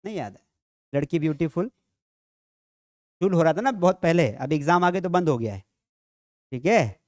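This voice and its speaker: A man teaching a grammar lesson in a lively classroom style, asking rhetorical questions and dropping jokey asides. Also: fairly high pitch, moderate pace, dry recording, clean studio sound. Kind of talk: classroom lecture.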